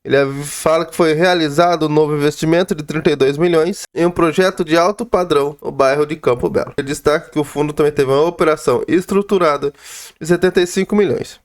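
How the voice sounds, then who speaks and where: A man's voice: fairly high pitch, fast talker. A Brazilian man with a sore throat and a head cold, slightly slurred in diction, giving informal commentary on a financial report as a video host. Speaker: YouTube host reviewing real-estate funds.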